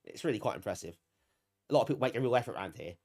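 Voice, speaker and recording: Hosting a retro gaming stream, a British man is bunged up as he gets over a cold. He chats casually and self-deprecatingly with viewers he's clearly appreciative of, his fairly low, slightly mellow voice racing along, animated and with vocal fry.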